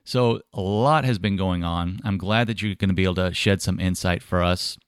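A man hosting an interview podcast, asking questions in a measured, earnest way. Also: sits low, clean tone, dry recording, clean studio sound. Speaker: podcast host.

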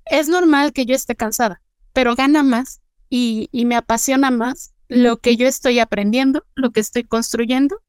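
A woman's voice: fairly high pitch, steady tone, moderate pace, darkish tone, smooth, no room sound. A woman, co-hosting a reflective podcast chat and talking earnestly about process and small details. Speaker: podcast co-host.

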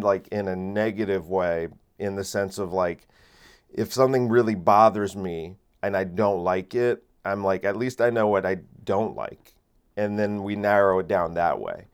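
This late-twenties podcast host has a smooth voice on the low side. Alone on his casual show, he rambles through plenty of fillers and restarts, captured by a phone camera plus a separate microphone, recorded on a microphone.

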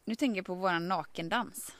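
A woman casually telling a story outdoors by a lake, animated, often acting out quotes and laughing. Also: on the low side. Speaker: vlogger.

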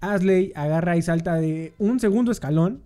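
A man's voice: high voice, normal speed, warm tone. A young man with a Mexican accent, chatting casually with friends, often stumbling and repeating words, full of slang. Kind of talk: casual chat among friends.

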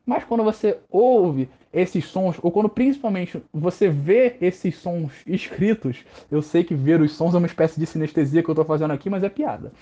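A man with a Brazilian Portuguese accent hosting a casual podcast lesson on literature, relaxed and slangy, joking at his own expense as he explains. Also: high voice, normal speed, hardly any pauses, highs cut off. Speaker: literature teacher and podcast host.

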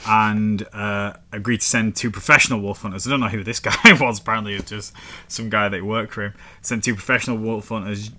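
Bright-voiced northern English man. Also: fairly low pitch. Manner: rambling and sweary, reading facts aloud. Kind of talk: casual chat.

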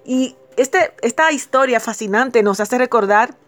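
Devotional host, woman, high voice, earnest direct address, soft music under. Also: measured pace. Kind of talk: devotional reading and preaching. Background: faint music.

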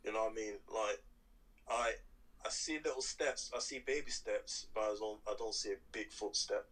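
Casting: male host for a relaxed group discussion, crisp-edged bright voice, plain-spoken and informal. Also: fairly low pitch, moderate pace, rough recording. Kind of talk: casual chat, asking questions.

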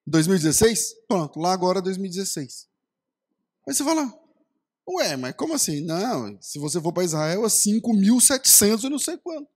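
A middle-aged Brazilian pastor preaching a sermon in a Brazilian Portuguese accent. His voice sits somewhat high for a man, and he moves from chatty storytelling with quoted voices to forceful, list-driven emphasis. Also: sing-song, a little fast. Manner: storytelling with acted quotes, rising to emphatic lists.

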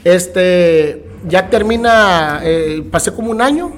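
A fairly high-voiced man with a Mexican Spanish accent talks as a podcast guest. He tells his stories in a casual, animated way and slips into other people's voices as he goes. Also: slow. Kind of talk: casual storytelling interview.

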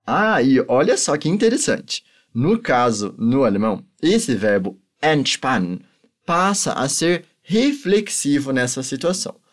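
Slow, lively-toned male language teacher. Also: mid-range voice. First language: Portuguese. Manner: patient, drills phrases slowly for repetition. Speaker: German teacher. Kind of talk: language lesson.

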